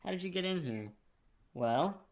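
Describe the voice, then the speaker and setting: In a puppet film, a man with a high, expressive voice plays a crass, self-absorbed king at a moderate pace. He rambles casually and condescendingly, sounding smug and amused.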